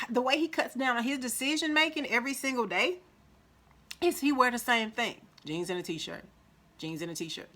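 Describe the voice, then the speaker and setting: A woman with a Mississippi accent giving casual life advice to the camera, chatty, acting out quoted voices with big jumps in pitch. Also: bright, forceful tone. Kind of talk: casual motivational talk to camera.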